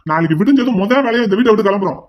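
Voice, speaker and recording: An indignant elder son in a cartoon, voiced by a man, lecturing his family in a fast, high-strung torrent. The audio is dull and lo-fi. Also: animated, heavy background noise. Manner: angry, lecturing.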